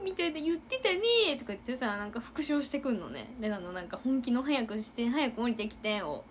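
A young woman chatting casually on a livestream, giggling and acting out loud quotes. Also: mid-range voice, a little hiss or hum. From Japan. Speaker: idol livestreamer. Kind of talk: casual livestream chat with viewers.

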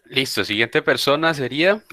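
A man's voice: mid-range voice, expressive, normal speed, bright, forceful tone, dry recording. A man teaching an online English class, speaking informally and insistently and repeating his points. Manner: informal, calls students "papá", insistent repeating. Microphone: video call.

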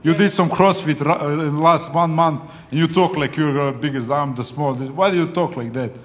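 A man's voice: a little high, fairly quick. A man speaking as a boxer at a heated press conference, combative and swearing, often calling his rival "brother". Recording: echoey hall.

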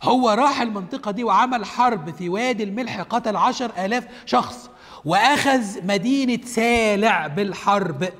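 A man's voice: sits high, moderate pace, fairly bright tone, in a large hall. A man with an Egyptian Arabic accent teaching the Bible on television, asking himself questions and answering them, repeating each point step by step.

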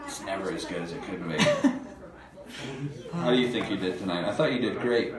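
Man, comedy podcast host, loose casual chat, lowish voice, echoey room, crowd behind. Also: brisk. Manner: loose, upbeat, fumbling with gear. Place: comedy venue with live audience. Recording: echoey room, far mic, audience.

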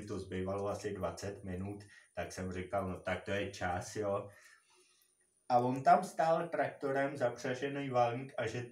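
A man vlogger telling a personal work story in a rambling, repetitive way, full of filler words. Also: medium pitch. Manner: rambling, repeats himself, many filler words. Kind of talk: casual storytelling. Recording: roomy and distant from mic.

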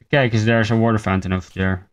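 A man giving casual gameplay commentary at home on a desk mic, mumbling and unhurried, with lots of ums and little laughs. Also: on the low side, fairly even intonation. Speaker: gameplay video host. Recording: faint game music behind.

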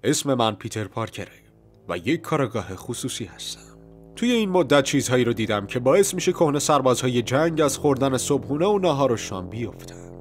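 A man voicing a weary, hard-boiled male private detective who tells his story in a low, brooding way. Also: very animated, slight background noise, close to an everyday voice. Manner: low, brooding first-person telling.

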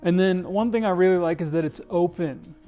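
A man's voice: sits high, a little fast, dull audio, soft background music. A young man giving a jokey, casual tour of a kitchen, filmed on a handheld camera in a house. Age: young adult. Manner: playful, jokey, says "dude" often. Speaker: English teacher vlogger. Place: kitchen of a large house, indoors. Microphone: handheld camera, selfie framing.

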